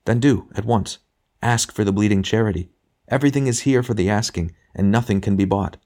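A man's voice: lowish voice, fairly quick, voice pushed up, close to an everyday voice. Man playing a serene, patient redeemed spirit. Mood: gentle, reassuring. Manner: calm, patient, gently urging. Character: serene, joyful male redeemed murderer spirit, younger, gently frank. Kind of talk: literary audiobook character dialogue.

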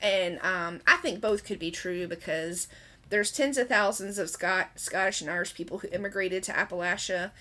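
A woman's voice: medium pitch, moderate pace, bright, forceful tone. A woman hosting a podcast, talking casually as she explains things. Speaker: podcast host.

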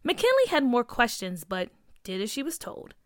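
A woman narrating a children's story in a clear, measured read-aloud manner. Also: on the high side, huge pitch swings, a bit bright, no room sound, clean studio sound.

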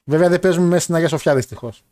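A man's voice: on the high side, darkish tone. A young man co-hosting a casual show, joking, laughing and rambling while he reads out listener messages. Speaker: podcast co-host reading listener messages. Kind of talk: casual banter about wrestling and football.

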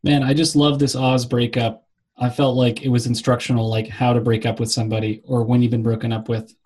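A man's voice: mid-range voice, level tone, fairly quick, a little mellow. A man co-hosting a podcast in casual chat, recorded in an echoey room at home that sounds like a cave. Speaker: podcast co-host.

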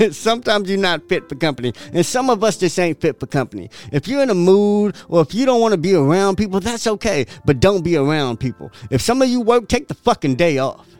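A man's voice: high voice, a little fast, faint music behind. A man hosting a podcast, giving a profane, emphatic motivational talk that repeats its points and breaks into laughter. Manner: profane, emphatic, repetitive preaching; animated, laughs often. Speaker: podcast host.

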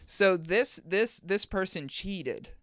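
A man's voice: high-pitched, lively intonation, takes it slowly, fairly bright tone, dry recording, clean studio sound. A man co-hosting a comedy podcast, joking and swearing casually as he riffs on classified ads. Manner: profane, joking.

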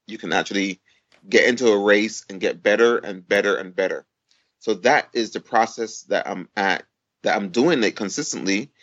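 A man from Barbados with a fairly low voice, talking as a guest on a podcast. He explains things in a measured way, building his points step by step. The audio is dull and lo-fi. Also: a bit bright. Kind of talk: conversational interview.

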